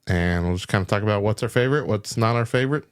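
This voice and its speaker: A man's voice: on the low side, quick pace, clear, resonant tone. A man hosting a casual podcast, laughing often and rambling through loose asides. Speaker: podcast host.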